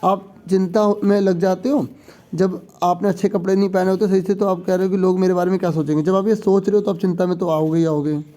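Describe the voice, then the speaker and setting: A man teaching an exam-prep lesson, who reads each question out slowly and then explains it step by step, often checking in with the class. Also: high-pitched, little pitch movement, dark tone.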